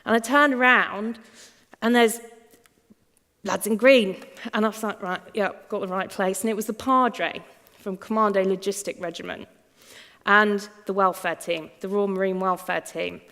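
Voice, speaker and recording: A woman's voice: mid-range voice, fairly even intonation, normal speed, a bit bright. A woman giving a candid, chatty talk about her own story, with many fillers and restarts. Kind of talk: personal story talk to an audience. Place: large lecture hall. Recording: long hall reverb.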